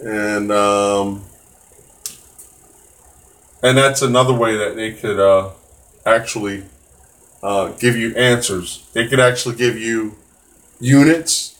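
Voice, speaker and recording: A man's voice: on the low side, slow pace, long pauses, fairly bright tone. A man teaching a live-streamed test prep math lesson, casual and encouraging, with many fillers and restarts.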